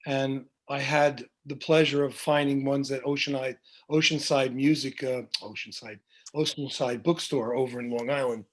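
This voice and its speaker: On a video call for a video podcast interview, a middle-aged music director recounts lengthy, meandering anecdotes packed with fillers and false starts. His medium-pitched voice stays steady and moves at a moderate pace.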